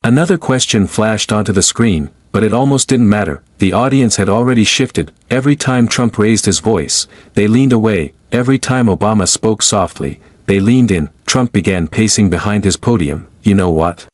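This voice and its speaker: A man narrates a dramatic scripted story at a steady storyteller's pace. His voice sits fairly low, and the recording is dry and close with no room echo. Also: normal speed, few pauses.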